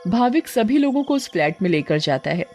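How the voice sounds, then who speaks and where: Steady female narrator for an animated horror story, soft music bed. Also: mid-range voice, a little fast, dull audio.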